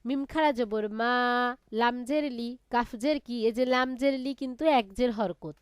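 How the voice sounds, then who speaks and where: A woman's voice: on the high side, clean tone, no room sound, clean studio sound. A woman teaching Quran reading in a live online class, patiently chanting letters and vowel marks one by one. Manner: patient, spelling out each sound in a measured chant. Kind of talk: slow drilled recitation of letters and vowel marks.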